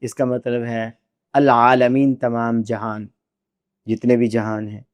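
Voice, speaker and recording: A man who teaches Quran recitation walks through pronunciation patiently, sounding out each letter slowly and deliberately. His voice is a plain middle-pitched male voice. It is recorded close and dry. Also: flat delivery, mellow, no room sound, lo-fi sound. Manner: patient, demonstrates sounds by repeating them slowly. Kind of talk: teaching pronunciation in a podcast interview. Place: podcast studio.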